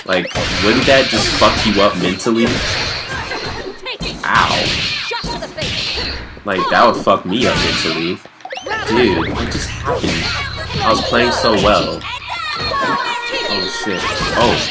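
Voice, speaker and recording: A young man doing casual, profane game commentary with slangy frat-bro talk, excitable and whiny when he is losing. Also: fairly low pitch. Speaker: gamer doing a playthrough of a fighting game. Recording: loud game music behind. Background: loud game music.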